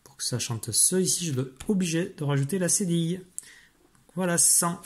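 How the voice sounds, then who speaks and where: This teacher's voice is husky and fairly high for a man, at a normal speed. In a primary school spelling dictation, he addresses the pupil directly and patiently explains things step by step.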